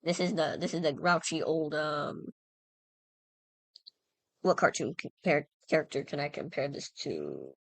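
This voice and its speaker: A woman with a low-pitched voice spins a goofy school anecdote in a loose, meandering way, stopping to correct herself and toss in fillers. Her tone is playful and self-mocking. The sound is dry and close, with no room around it. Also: big pitch swings, measured pace, long pauses, no room sound. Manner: rambling, self-interrupting, frequent fillers and "right?". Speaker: storyteller. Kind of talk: casual anecdote telling.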